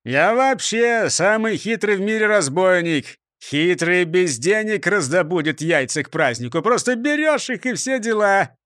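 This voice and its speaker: A man's voice: sits high, expressive, unhurried, hardly any pauses, fairly bright tone, dry recording, studio quality. Man doing a bossy, sneering robber chief. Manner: barking and mocking. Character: bossy, scornful male robber gang chief.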